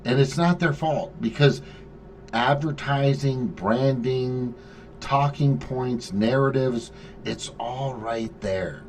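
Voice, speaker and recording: A male host leads a loose group chat and talks in long, animated runs, swearing often and restarting his sentences. His voice sits at an ordinary pitch for a man. A faint hiss of background noise runs under the recording. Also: slow. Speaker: podcast host.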